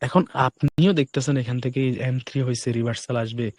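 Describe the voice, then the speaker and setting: A hoarse man runs a live online class at a quick clip, his voice low and soft as if to save it. The sound is dry and close, with no room echo. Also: steady tone. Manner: speaks deliberately softly to spare his voice. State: hoarse, voice breaking. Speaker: trading instructor.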